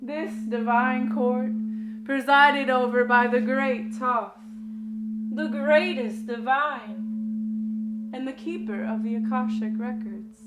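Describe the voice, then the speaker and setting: A woman's voice: fairly high pitch, fairly even intonation, slow. Woman as a solemn goddess of the court. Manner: formal, ceremonial pronouncements. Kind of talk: stage drama performance. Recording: loud music under the voice.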